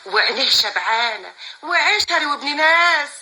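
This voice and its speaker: Motherly Egyptian matchmaker, high voice, very bright tone, coaxing, film drama. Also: lively intonation, moderate pace, exaggerated voice, poor audio. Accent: Egyptian Arabic. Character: motherly older neighborhood woman, persuasive matchmaker.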